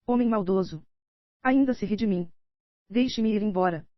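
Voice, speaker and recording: A Brazilian woman voicing a frightened, desperate young woman in an audiobook, in her own steady reading voice, dry and a little dull. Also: medium pitch, normal speed, dry recording, close to an everyday voice. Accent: Brazilian Portuguese.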